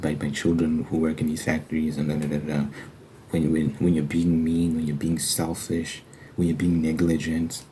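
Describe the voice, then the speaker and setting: Heavy background noise surrounds a bass male voice in an ASMR Bible study session. The host speaks informally, earnestly and conversationally, repeating phrases for emphasis, and ends his religious talk with a prayer.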